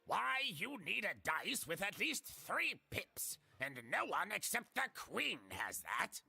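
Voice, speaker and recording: An actor playing a cranky, sleep-deprived old man in a video game, raspy and grumbling, easily bursting into outrage. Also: high voice, wildly swooping pitch, slow pace, pushed and bright, no echo, full character voice. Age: older. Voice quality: creaky, raspy. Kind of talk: video game character acting.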